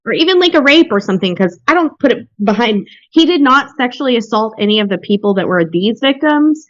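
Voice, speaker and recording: A woman's voice: on the high side, lively intonation, fairly quick, no echo. Woman, podcast host, casual true crime chat, blunt, swears, lo-fi dry sound.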